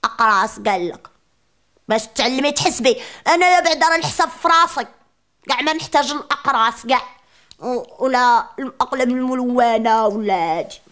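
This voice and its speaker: A woman voicing a chatty, sassy little preschool girl with a Moroccan accent, ranting in a comic monologue. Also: fairly bright tone. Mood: defiant. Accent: Moroccan Arabic. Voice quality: childish high voice, rapid rants.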